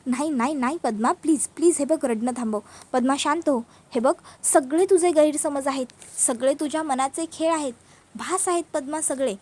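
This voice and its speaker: A woman's voice: sits high, normal speed, a little mellow, lightly acted. A woman voicing a protective young woman who soothes and reassures a frightened sister figure. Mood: urgent. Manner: soothing, reassuring, repeats comfort.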